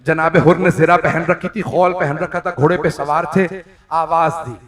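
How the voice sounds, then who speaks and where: A man, a cleric delivering a mourning sermon as dramatic storytelling. He speaks slowly and passionately and rises into wailing cries. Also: a little high, steady tone, recorded from a distance, a crowd in the background. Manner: slow, impassioned, swelling into wailing cries. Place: large indoor prayer hall.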